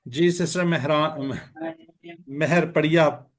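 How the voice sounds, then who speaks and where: A man's voice: on the high side, steady tone. A man teaching an online class, patiently quizzing his students with repeated questions over a video call. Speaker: Quran and Arabic grammar teacher.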